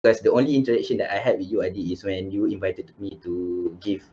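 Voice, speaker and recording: A man's voice: low voice, fairly even intonation, fast talker, mellow. A man hosting a casual panel chat, rambling with many fillers and restarts. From Malaysia. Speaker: host. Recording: dull lo-fi video call with faint hiss.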